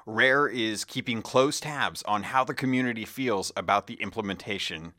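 A man's voice: lowish voice, pushed and bright. A man hosting a podcast, reading scripted gaming news in an announcer-like way. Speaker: podcast host.

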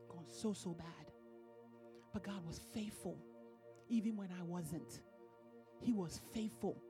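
A woman minister preaching a sermon in a church, building emphasis and breaking into laughter now and then. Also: medium pitch. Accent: non-American English.

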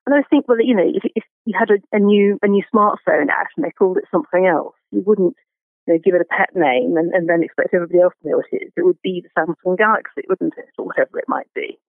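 High-voiced garden writer on a phone-like line. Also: male voice, creaky, no room sound. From Britain. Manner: halting, many restarts and fillers. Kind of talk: conversational interview.

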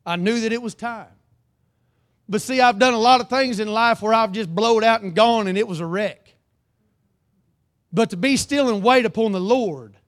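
High-voiced preacher man. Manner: reads scripture aloud then preaches, calls for amens; swings from loud emphatic lines to low earnest ones. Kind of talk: sermon.

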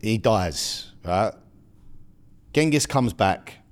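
Low-pitched, sweary Essex or London bloke. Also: male voice, animated, very slow. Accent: English, London or Essex. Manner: slangy, sweary, matey. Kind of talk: casual banter and storytelling.

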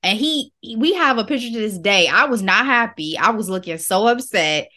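A woman's voice: mid-range voice, animated, normal speed, pushed and bright. An American woman co-hosting a casual chat podcast, reading headlines and riffing with slang. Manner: reads headlines then riffs with slang. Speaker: podcast co-host.

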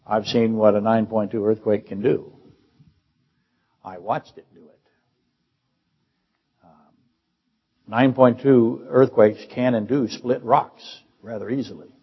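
An older man preaches as pastor in a slightly rough, lowish voice that stays steady in tone. He speaks slowly, pausing often, and throws out rhetorical questions to teach the congregation. The church sanctuary recording is dull and echoey.

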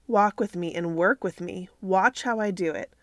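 A woman's voice: mid-range voice, moderate pace, no room sound, studio quality. Woman talking inside a closet. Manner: earnest and chatty. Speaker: podcast host. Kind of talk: casual faith podcast talk. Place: inside a home clothes closet. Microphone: computer microphone.

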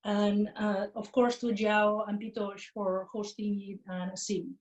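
A woman from Catalonia, a guest academic talking at home in a halting way, with many fillers and restarts. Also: medium pitch, little pitch movement, far from the mic, dull audio. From Catalonia, Spain. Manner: warm, halting, with frequent fillers and repeats. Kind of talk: casual interview talk on a video call. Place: home in a rural area outside Barcelona, window open. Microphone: video call.

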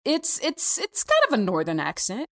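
Lady podcast host, really lively voice, stops and restarts a lot. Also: medium pitch. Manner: animated, halting, many restarts. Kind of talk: podcast interview.

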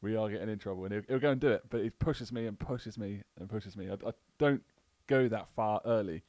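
A man's voice: on the low side, fairly quick, a little mellow, dry recording. A man in his thirties, a chatty father talking casually among friends.

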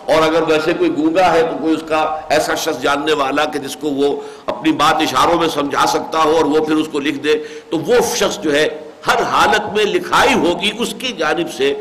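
A man's voice: a little high, hardly any pauses, a bit bright, a little hiss or hum, poor audio. An older man giving a religious lecture, reciting verses and explaining them. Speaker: Quran commentator.

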